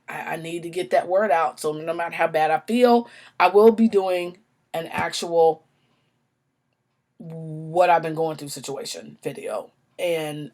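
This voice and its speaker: A woman's voice: fairly low pitch, darkish tone. A woman vlogging to her viewers in a casual, impassioned, rambling way, unwell and stuttering at times, with restarts and apologies. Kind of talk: casual direct-to-camera vlog.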